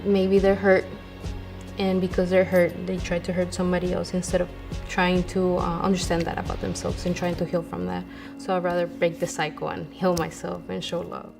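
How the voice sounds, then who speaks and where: A young woman from Honduras speaks in a soft, reflective way, her voice a little low. Clear music plays underneath as in a tribute video. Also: little pitch movement, normal speed. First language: Spanish. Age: young adult. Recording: music bed behind voice.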